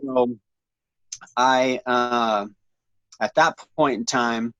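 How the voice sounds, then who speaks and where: A man's voice: mid-range voice, drawn-out words, no room sound, lo-fi sound. Dry, rambling man in his forties. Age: 40s. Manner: animated, slangy, rambling with many restarts. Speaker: interview guest. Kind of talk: casual storytelling in an interview.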